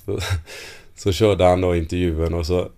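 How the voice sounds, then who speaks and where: A man in his thirties, a football player guest telling lively anecdotes in a casual interview and laughing often. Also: low-pitched, creaky, smooth.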